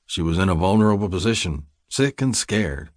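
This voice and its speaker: A man reading a gritty first-person story aloud in a steady, plain-spoken way. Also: sits low, a little fast, no echo, studio quality. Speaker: audiobook narrator. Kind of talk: scripted first-person narration.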